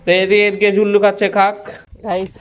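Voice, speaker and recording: A man's voice: high-pitched, monotone, quick pace. A chatty young man, vlogging casually around a village and market on a handheld phone, often calling out to his viewers. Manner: chatty, keeps addressing viewers. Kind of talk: casual walk-and-talk vlog. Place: village home and outdoor market stalls.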